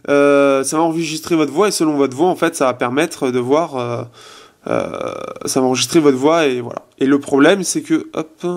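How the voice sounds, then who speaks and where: A tech reviewer with a mid-range, slightly mellow voice and some vocal fry chats through a casual phone review. He uses many fillers and lets sentences trail away as he tests features in his resonant apartment.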